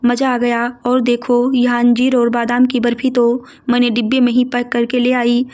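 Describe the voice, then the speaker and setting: A woman reading the lines of a greedy middle-aged aunt in a storybook tale, gushing and a little louder than her narration. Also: on the high side, completely flat delivery, normal speed, close to an everyday voice.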